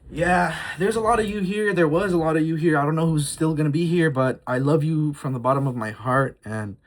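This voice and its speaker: Talking briskly on the high side, a twenty-one-year-old man films a casual confessional vlog on his phone. His rambling is reflective and heartfelt and peppered with fillers.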